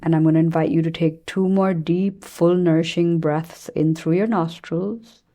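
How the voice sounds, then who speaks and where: In a deep, fairly even voice, a woman leads a guided meditation as its teacher, soothing and gentle, pausing at length between phrases.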